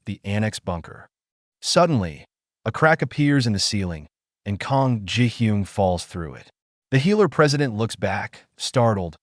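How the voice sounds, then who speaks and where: Low-voiced man narrating a dramatic recap. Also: no echo, studio quality. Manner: dramatic, expressive reading. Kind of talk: scripted story recap narration.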